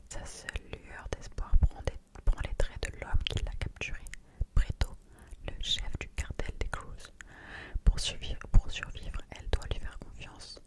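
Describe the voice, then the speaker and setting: A young adult speaks in a soft, library-like ASMR whisper, reading aloud and chatting informally about books. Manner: reads blurbs aloud with informal asides. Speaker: ASMR book haul creator. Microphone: streaming microphone close by.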